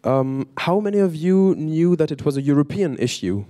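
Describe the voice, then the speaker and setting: A man with a French accent moderating a conference panel, speaking unhurriedly and pausing often between phrases. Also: fairly high pitch, expressive, warm tone.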